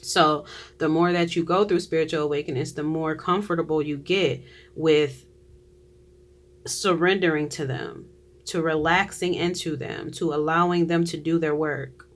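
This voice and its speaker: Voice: medium pitch, steady tone, normal speed, a bit bright. A tarot reader giving a casual reading to viewers, chatty, often trailing off and restarting, with frequent laughs.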